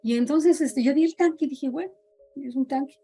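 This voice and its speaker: Middle-aged Mexican woman, dramatic teller of personal scary tales, mellow and a little high. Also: brisk, faint music behind. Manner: dramatic storyteller, acts out quoted voices. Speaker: podcast guest sharing experiences. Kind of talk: casual storytelling chat.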